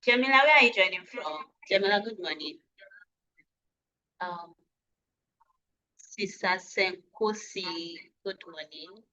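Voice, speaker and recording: A woman hosts an online session, reading out attendees' names and checking how to say them. Her voice sits fairly low. It comes through dull and lo-fi over a video call. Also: sharp tone. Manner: unhurried, reading names aloud and pausing over pronunciations. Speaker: webinar host. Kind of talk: greeting attendees by name before an online session.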